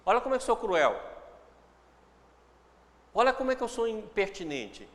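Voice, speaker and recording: A man's voice: high voice, sing-song, moderate pace, a bit bright, in a large hall. A man giving a reflective spiritual talk with a Brazilian Portuguese accent, acting out inner dialogues in shifting voices. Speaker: spiritual teacher.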